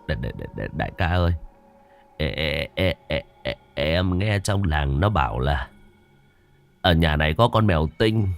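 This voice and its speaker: A man's voice: extremely low pitch, animated, normal speed, gravelly, pitched below the performer's own voice, full character voice. A man doing a stuttering, frightened young thug. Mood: scared. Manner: stuttering, trembling. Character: stammering timid young male thug Đức.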